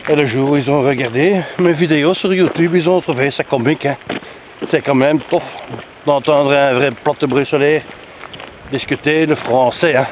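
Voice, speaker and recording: A man's voice: a little high, moderate pace, pitched above the performer's own voice, natural voice. A man from Brussels putting on an exaggerated, broad Brussels French accent in a playful, self-mocking aside, filmed on a handheld camera while walking outdoors. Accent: thick Brussels French. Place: outdoors on a country walk. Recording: dull outdoor camera audio, wind noise.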